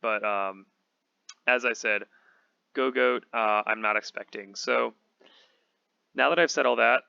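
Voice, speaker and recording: A man with a slightly hoarse voice, casually thinking aloud as he talks through a game team build. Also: mid-range voice, unhurried, pauses often, pushed and bright, no echo, lo-fi sound. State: slightly hoarse, losing his voice. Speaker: competitive Pokemon channel host.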